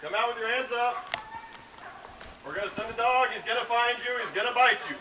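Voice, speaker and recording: A police K9 officer giving firm, repeated warnings through a megaphone, outdoors in a residential neighborhood at night. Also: male voice, very high voice, fairly quick. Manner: firm, repeated shouted commands. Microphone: police body camera. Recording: echoey, distant, noisy bodycam audio.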